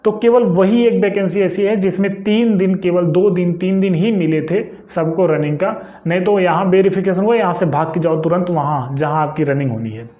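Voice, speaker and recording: A young adult YouTube presenter covering exam information speaks in a high, mellow voice at normal speed with few pauses. His explanations are conversational and peppered with short tags checking understanding, and there's echoey room sound.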